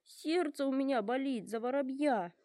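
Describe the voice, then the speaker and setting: A woman's voice: sits high, normal speed, warm tone, dry recording, studio quality, voice pushed up, lightly acted. A woman voicing a well-mannered young male elephant in a storybook, polite, earnest and heartfelt. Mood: anguished.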